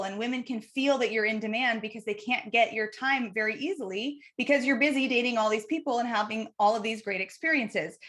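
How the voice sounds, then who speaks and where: A woman with a fairly high voice presents advice as a coach in an online video. She talks straight to the viewer in an instructive way, putting emphasis on the key words. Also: a bit bright. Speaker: dating coach and video host. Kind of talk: advice video to camera, numbered tips.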